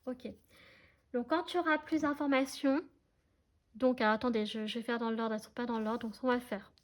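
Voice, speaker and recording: A woman's voice: fairly high pitch, steady tone, brisk. A woman giving a casual tarot reading to her viewers, chatty and hesitant, often checking that they follow her. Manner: chatty, hesitant, many fillers, addresses viewers directly. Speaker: tarot card reader.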